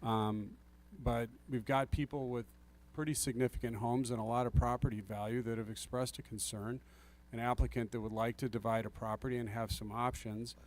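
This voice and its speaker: In a council meeting room, a man on the planning commission addresses a public meeting in a steady, mid-range voice at a moderate pace. Earnest and apologetic, he thinks out loud and keeps restarting. He occasionally drifts away from his table microphone, which picks him up off-axis.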